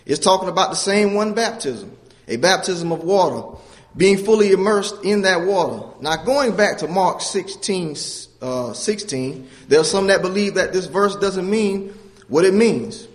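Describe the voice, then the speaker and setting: A man delivers a sermon in a church that has a baptistry, earnestly teaching scripture and putting questions to the congregation. His voice is high and expressive, a little slow. Long reverb from the hall trails every word.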